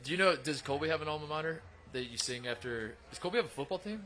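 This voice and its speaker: A man's voice: a little high, expressive, quick pace, a crowd in the background. A young adult man co-hosting a casual chat, bantering in a joking, easygoing way. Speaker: co-host.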